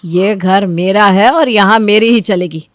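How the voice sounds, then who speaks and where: A woman playing a bossy shouting mother-in-law. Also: a little high, moderate pace, smooth, no room sound, studio quality, voice pushed up, close to an everyday voice. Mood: scolding. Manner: scolding, loud and commanding. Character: bossy domineering middle-aged mother-in-law. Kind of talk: cartoon story voice acting.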